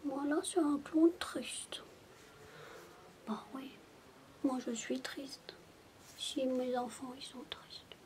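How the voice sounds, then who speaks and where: A woman voicing a theatrical clown with drawn-out, whispery speech in a soft ASMR roleplay for a child. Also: high voice, fairly even intonation, a little hiss or hum. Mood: mournful. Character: Lolo, a mopey sad clown turning joyful.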